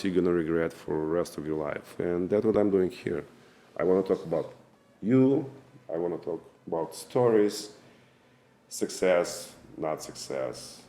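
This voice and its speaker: Very deep-voiced Russian-accented man in his 40s. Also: a little mellow. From former Soviet Union. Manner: earnest, halting with many fillers and restarts. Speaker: vlogger and businessman. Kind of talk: casual personal storytelling to camera.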